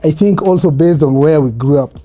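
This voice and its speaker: Mellow-voiced Kenyan man in his thirties. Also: on the high side, brisk, soft background music. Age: 30s. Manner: relaxed, reflective, laughs often. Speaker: guest. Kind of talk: casual interview.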